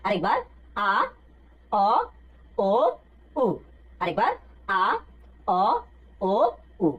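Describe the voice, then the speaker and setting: Husky-voiced woman teaching with patient drills. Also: fairly high pitch, rough recording. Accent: Bangladeshi Bengali. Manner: patient, asks questions and answers them herself. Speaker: language teacher. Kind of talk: step-by-step spoken lesson with repetition drills.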